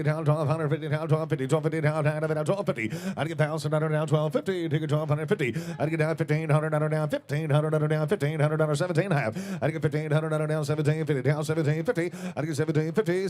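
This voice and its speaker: A man working as an auctioneer, calling bids in a rapid, rhythmic, repetitive chant of numbers. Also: fairly high pitch, darkish tone.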